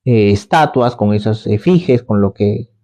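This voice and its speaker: A man's voice: fairly low pitch, expressive, a little slow, mellow. A man preaching a conversational sermon, repeating his phrases and asking rhetorical questions.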